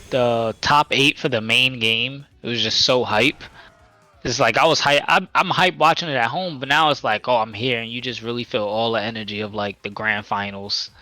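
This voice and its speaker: A man's voice: medium pitch, moderate pace, bright, forceful tone, dry recording, soft background music. A man gushing enthusiastically in a casual roundtable chat.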